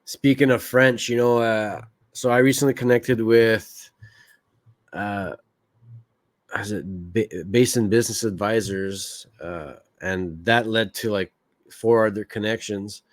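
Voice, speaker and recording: This Quebec podcast host talks on his own in a relaxed, candid way, drifting through tangents and filler words. His voice is fairly low, his intonation fairly even, his pace unhurried, and the recording is dry.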